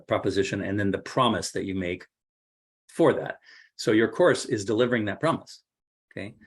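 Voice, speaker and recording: A man's voice: on the low side, husky. A man teaching an online course workshop as a marketing coach, talking casually with many fillers and restarts. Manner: relaxed, conversational, frequent fillers and restarts.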